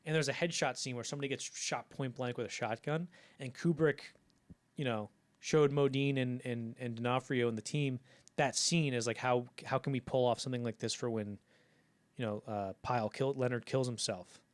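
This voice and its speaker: A man co-hosting a casual film podcast, telling behind-the-scenes stories with animated asides and casual swearing. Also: mid-range voice, moderate pace. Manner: animated storyteller, acts out quotes, swears casually. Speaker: podcast co-host.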